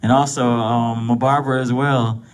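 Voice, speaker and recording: A man in his thirties, a guest on a talk show, speaking in a relaxed way with many pauses. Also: mid-range voice, smooth. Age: 30s. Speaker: guest, photographer and barber. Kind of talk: casual talk show chat.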